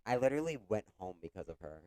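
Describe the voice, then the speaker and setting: Fast-talking with big pitch swings, this young man has a fairly low voice and co-hosts a podcast against a noisy background. He is congested, coughs and chats loosely, stuffing in fillers, especially "like." His stories come with quoted voices.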